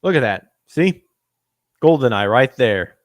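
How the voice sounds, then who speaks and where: A man with an animated, medium-pitched voice speaks at a measured pace in a dry recording. On his podcast he reads the news aloud in a casual way, mocking it with sarcastic commentary, laughing at his own quips and stumbling over words.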